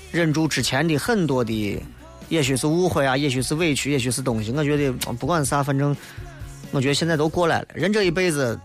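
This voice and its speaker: A man with a Shaanxi accent speaks in a fairly high register over background music. He hosts late-night radio casually, with blunt, homespun turns of phrase and reflective asides to his listeners. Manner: colloquial, blunt, philosophizing. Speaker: radio host.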